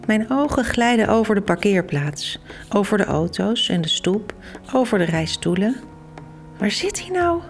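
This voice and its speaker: Female storyteller, young adult, unhurried read-aloud for children, animated character lines. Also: mid-range voice. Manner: lively storyteller, gives characters' lines their own voices. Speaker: host and storybook reader. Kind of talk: reading a children's book aloud.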